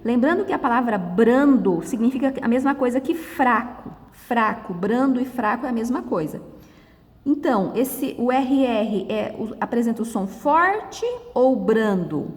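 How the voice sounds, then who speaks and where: A woman's voice: fairly high pitch, lively intonation, big-room sound. A middle-aged woman from Brazil, teaching a step-by-step lesson and patiently drawing out words one by one. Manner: patient, drawn-out word-by-word explanations. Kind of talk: step-by-step classroom lesson walkthrough.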